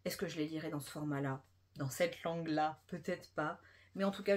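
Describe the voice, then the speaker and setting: A woman with a slightly low voice talks through her latest book purchases in a relaxed vlog. She is chatty and enthusiastic, with plenty of fillers, and a little tired. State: a bit tired. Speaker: book vlogger. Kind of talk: casual book haul vlog.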